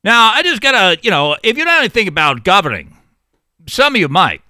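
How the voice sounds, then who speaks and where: A man's voice: high-pitched, wildly swooping pitch, a little fast, bright, forceful tone, dry recording, studio quality. A man giving sardonic commentary, reading news excerpts and mocking them with laughter. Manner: mocking, laughs at his own jokes; reads news excerpts, then riffs on them. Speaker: political commentator.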